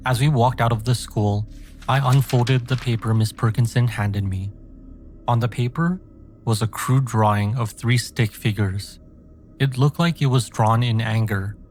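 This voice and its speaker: Low-pitched man narrating a scary story. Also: a little mellow. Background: background music.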